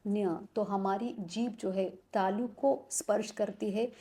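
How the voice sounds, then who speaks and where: A woman teaches a Sanskrit lesson, sounding out each letter with care. She speaks very slowly, and her voice is warm and mellow. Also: medium pitch. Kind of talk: explaining a lesson.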